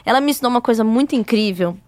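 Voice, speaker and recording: Effusive high-voiced woman podcast host. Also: expressive, racing, darkish tone, no echo. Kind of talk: casual chat.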